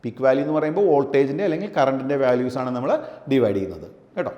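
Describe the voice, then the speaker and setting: A male physics teacher lecturing a class, dictating definitions slowly and asking his students questions. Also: mid-range voice, lively intonation, mellow, muffled recording. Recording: echoey room with long reverb.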